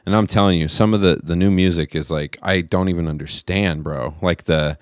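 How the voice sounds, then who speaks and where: Casual co-host, forties, deep and dry-sounding, easygoing with frequent laughs. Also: male voice, fairly even intonation, fairly quick, no room sound. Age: 40s. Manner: laid-back, swears freely, laughs often. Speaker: middle school teacher. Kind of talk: casual podcast chat.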